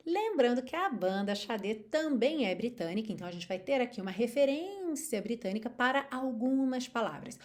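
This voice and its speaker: A Brazilian woman in her thirties teaching an English lesson through a song, expressive and lively, singing short lines to demonstrate pronunciation. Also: on the high side, normal speed, few pauses.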